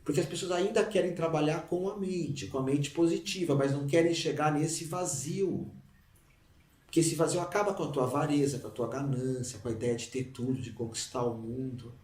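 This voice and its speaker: A man's voice: a little high, fairly even intonation, a little fast, a little mellow. Man teaching meditation, roomy sound. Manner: conversational, breaks into chanted syllables. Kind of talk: informal spoken teaching. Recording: roomy, mic at a distance.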